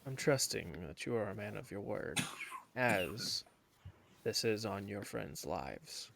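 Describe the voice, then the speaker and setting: A man's voice: fairly low pitch, animated, takes it slowly, gravelly, a bit bright, slight background noise, heavily acted. A man voicing a male adventurer who speaks in a wry, wary way.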